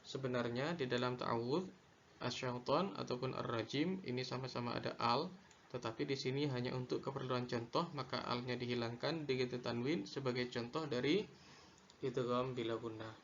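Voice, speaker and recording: A man teaching a lesson on Quran recitation rules, slow and deliberate, repeating each definition. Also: medium pitch, a bit bright, lo-fi sound, slight background noise. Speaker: religious studies teacher.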